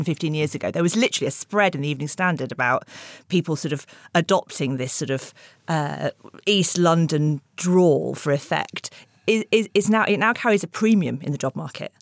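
A woman's voice: fairly low pitch, no room sound, clean studio sound. A woman on an editors' panel of a news podcast, thinking aloud and hedging as she talks.

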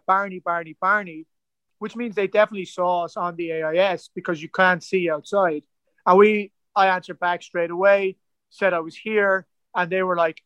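High-voiced Irish man, rambling story. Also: a bit bright, no room sound, highs cut off. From Ireland. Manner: rambling, full of "like" and "kinda" fillers. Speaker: guest, ocean rower. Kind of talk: casual storytelling interview.

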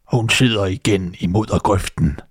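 A man voicing a magic talking flounder in a fairy tale reading, slow and detached. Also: deep voice, slightly rough, no echo, studio quality. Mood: aloof.

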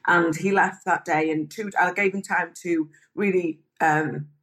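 A woman's voice: fairly low pitch, steady tone, a little slow, fairly bright tone. Frank chatty woman telling her story. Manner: frank, chatty, mimics people when quoting them. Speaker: interview guest. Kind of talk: candid personal storytelling.

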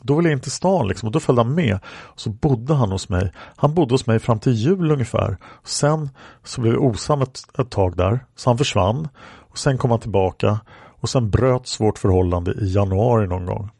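A man's voice: medium pitch, animated, gravelly, mellow, husky, no room sound, studio quality. A man reading aloud a woman's answers in a police interrogation record, rambling with many fillers. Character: woman questioned by police, plain-spoken.

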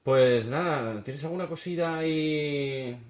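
A man's voice: on the high side, slow, a little mellow. A man, co-hosting a podcast, joking around and chipping in short reactions. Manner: joking listener who chips in short reactions. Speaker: podcast co-host. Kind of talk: casual chat.

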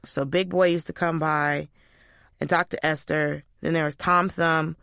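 Bright-voiced animated woman storyteller. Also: unhurried, gravelly, dry recording, clean studio sound. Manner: animated storyteller, high squeaky voices for quotes. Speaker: guest. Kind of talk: casual chat.

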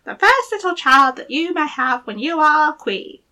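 A sly little hobgoblin man from a storybook haggles in a high, squeaky voice that sits far above a normal speaking pitch, as a woman reading the tale puts him on. He sounds pushy and loud, with a pinched, strange tone. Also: animated, moderate pace. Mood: sly bargaining. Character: small scheming male hobgoblin, sly and bargaining.

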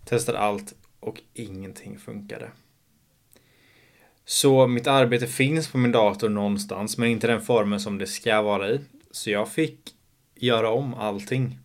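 A young man in his twenties, slightly hoarse from shouting, talking alone in a casual monologue podcast, rambling with many fillers and casual swearing. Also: on the low side. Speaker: podcast host.

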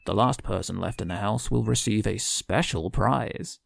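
A cold, unseen game-show organiser greets his captive contestants in a slow, deliberate announcement, as a man reads him out. The voice sits low and gravelly, and the sound is close and dry. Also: no echo. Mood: menacing.

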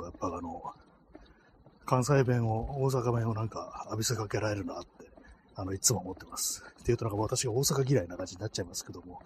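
A man's voice: on the low side, darkish tone, slight background noise. A man hosting a casual solo podcast, talking into his phone while walking a night street, rambling with many fillers. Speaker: podcast host. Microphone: phone held in cold hands. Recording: faint street ambience outdoors.

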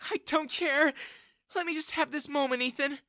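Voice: mid-range voice, sing-song, moderate pace, sharp tone, dry recording, studio quality, pitched above the performer's own voice. A narrator voicing an emotional, possessive married mother in a dramatised audio story, speaking insistently. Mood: tearful. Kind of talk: dramatised first-person web-novel audio story.

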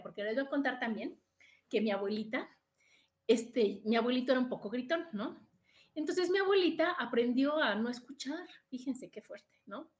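Mexican lady podcast host, pretty high voice, casual advice chat, keeps going "¿no?". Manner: chatty, tags "¿no?" after points. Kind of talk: casual advice talk to live listeners.

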